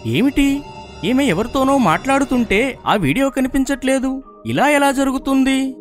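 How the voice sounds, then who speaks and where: Woman voicing a curt, demanding male police officer for a horror storybook, with a lively, swinging voice. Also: sits high, normal speed, soft background music. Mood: stern.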